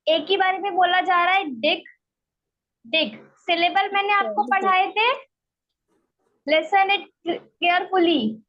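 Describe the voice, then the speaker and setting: A woman teaching an online English grammar class, explaining slowly and step by step and often checking that students follow. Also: very high voice. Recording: dull lo-fi online class audio.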